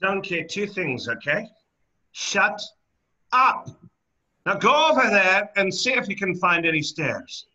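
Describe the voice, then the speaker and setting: A man performs a bold, teasing cartoon ogre. The voice is fairly high and very forceful, with dry, bossy mockery, on a slightly dull recording. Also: big pitch swings, takes it slowly, pauses often, heavily acted. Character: gruff, teasing, fearless male ogre. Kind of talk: animated film script table read.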